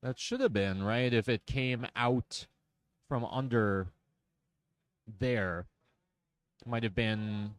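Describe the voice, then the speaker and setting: A man's voice: medium pitch, slow, pauses often, no echo. A man commentating a card game in casual chat, wry and self-deprecating, talking through each play.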